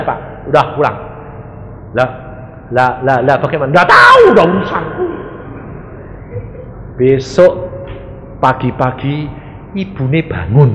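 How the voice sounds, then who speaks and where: A man preaching a sermon, telling stories and acting out the people in them with sudden shouts. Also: mid-range voice. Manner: animated, acts out quoted voices, sudden shouts. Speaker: evangelist preacher. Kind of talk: sermon with storytelling. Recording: echoey hall with faint noise.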